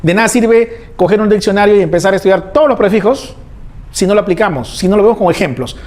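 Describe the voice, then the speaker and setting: High-pitched man teaching a class, animated, asks questions and answers them himself. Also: fast talker. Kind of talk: classroom lecture.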